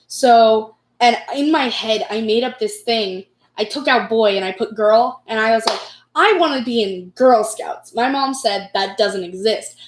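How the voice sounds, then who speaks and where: Casting: young female vlogger, American accent, fairly high voice, rambling self-mocking storyteller, echoey room sound. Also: unhurried, few pauses, a little hiss or hum. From United States. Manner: rambling, self-deprecating, giggly. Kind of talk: casual personal storytelling.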